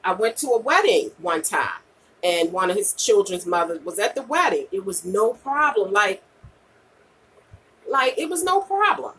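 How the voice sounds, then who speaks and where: In a mid-range, sing-song voice that's fairly bright and slightly rough, a late-40s woman speaks at normal speed during a casual livestream chat. As a vlogger and podcaster, she gives candid advice emphatically, repeats herself for weight and punctuates with "okay?" and "you know," though the distant mic makes the audio poor.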